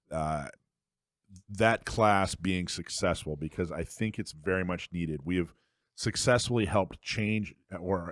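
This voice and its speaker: A man's voice: low voice, fairly bright tone, no echo, clean studio sound. A man hosting a talk radio show, chatting casually and joking with his co-hosts, often restarting his sentences.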